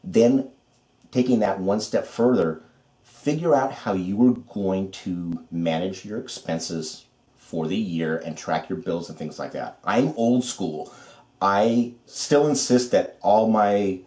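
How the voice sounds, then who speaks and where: In an echoey room, a man with a deep, slow, dark-toned voice co-hosts a podcast. He chats casually and hands out folksy advice, repeating himself and restarting his sentences.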